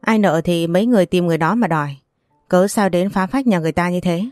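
A woman's voice: lowish voice, fast talker, a little mellow, no echo, studio quality, faint music behind, close to an everyday voice. A woman voicing a firm, reproachful older man who is the family elder in a read-aloud story.

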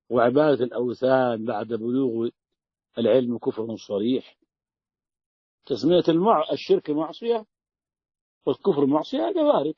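A man's voice: medium pitch, breathy edge, no room sound. A male religious teacher explaining a classical text, speaking emphatically and stacking up quotations from scripture. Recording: dry, dull lo-fi sound.

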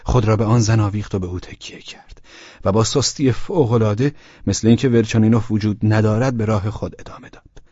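Man, low voice, husky, steady audiobook narration, dull lo-fi recording. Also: no echo. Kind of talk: scripted novel narration.

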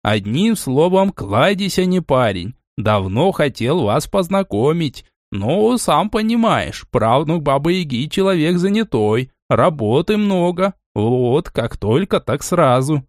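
A fussy, bragging male cat from an audiobook fairy tale, put on by a man. He yowls, scolds and purrs in a high, wheedling voice. The recording is dry and close. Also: sing-song, no room sound. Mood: purring, coaxing. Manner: loud, wheedling, fast-chattering. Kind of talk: audiobook character voice.

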